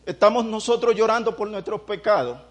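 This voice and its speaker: A male preacher giving an impassioned sermon, swelling into loud prayers and putting rhetorical questions to the congregation. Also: sits high, animated, fairly quick.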